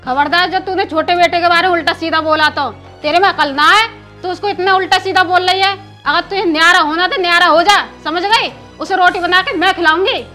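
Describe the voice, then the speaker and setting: A woman's voice: extremely high pitch, fairly quick, sharp tone, soft background music. A woman playing an indignant rural mother-in-law who nags and scolds. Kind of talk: rural film drama acting.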